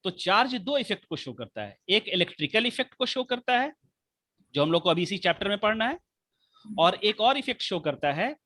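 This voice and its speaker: A man teaching a physics class online, explaining slowly with many repetitions and rhetorical questions, speaking with the mic held right at his mouth. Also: high voice, sing-song, sharp tone. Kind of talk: live online class lecture.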